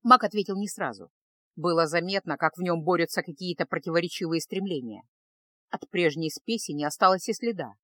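A woman narrating a fantasy audiobook in an even, measured reading. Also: on the low side. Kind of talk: scripted narration.

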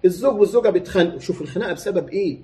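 An Egyptian preacher delivers a sermon at a quick clip, his voice mellow and sitting a bit higher than most men's. He slides from formal recitation into plain colloquial talk and keeps firing rhetorical questions at his listeners. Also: expressive. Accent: Egyptian Arabic.

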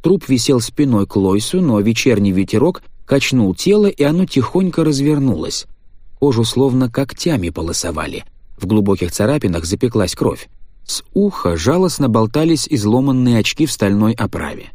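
A man reading a story aloud in a measured, tense narrating voice. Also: medium pitch, expressive, darkish tone, dry recording, studio quality. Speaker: audiobook narrator. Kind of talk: scripted narration.

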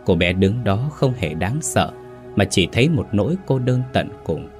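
A man narrating a horror story in a dramatic, measured way. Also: on the low side, lively intonation. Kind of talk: scripted ghost story narration. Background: faint music.

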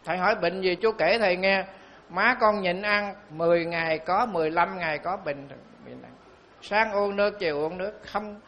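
Monk telling stories. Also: male voice, sits high, a bit bright, slight background noise. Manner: storytelling, slow and emphatic on key phrases. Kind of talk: sermon.

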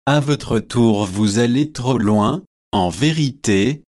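An earnest young man argues in a storybook, as a male reader voices him. His delivery is slow and careful, at a middling pitch. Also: a little mellow, natural voice.

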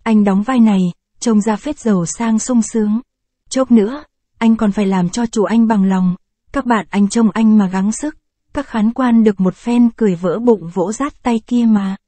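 A woman reads a short story aloud in a calm, measured storytelling manner. Her voice is mellow and dark in tone, recorded close and dry with no room sound. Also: mid-range voice, dry recording. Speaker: audiobook narrator. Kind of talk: scripted short story reading.

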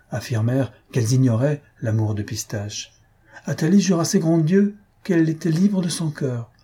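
Husky-voiced man reading a story. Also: medium pitch, mellow. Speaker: reader. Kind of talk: audiobook narration.

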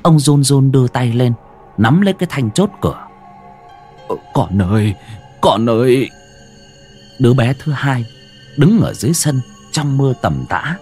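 A man narrating a horror story with dramatic, suspenseful pacing and sharp rises and drops. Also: mid-range voice, sing-song, moderate pace, faint music behind.

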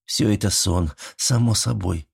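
A man reading an audiobook in measured, scripted storytelling. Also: on the low side, creaky, a little mellow, breathy edge. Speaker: audiobook narrator. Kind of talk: scripted narration.

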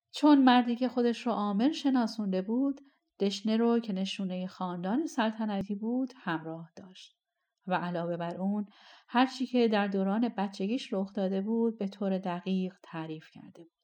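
Woman narrating a fairy tale. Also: mid-range voice. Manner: colloquial, expressive storytelling. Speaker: audiobook narrator. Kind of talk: storytelling narration.

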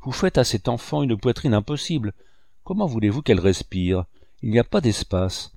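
A man's voice: mid-range voice, sing-song, normal speed, vocal fry, a little mellow, no echo, studio quality. A man reading aloud voices an ardent young painter, earnest and instructive, who turns to tender pleading.

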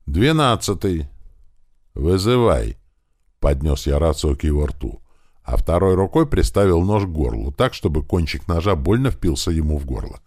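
A man reading a first-person audiobook with expressive storytelling. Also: very deep voice, moderate pace, dry recording, studio quality. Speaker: audiobook narrator.

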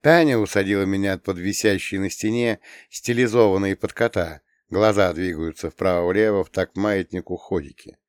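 A man narrates a novel in a low, steady voice. The recording is dry and close, with no room sound. He reads in an even, measured way. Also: dry recording. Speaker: audiobook narrator. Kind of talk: scripted narration.

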